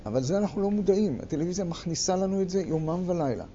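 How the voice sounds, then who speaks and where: An older man leading a workshop, lecturing a group and acting out quarrels in sharp, loud bursts. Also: high-pitched, lively intonation. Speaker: workshop leader. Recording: muffled recording with faint background noise.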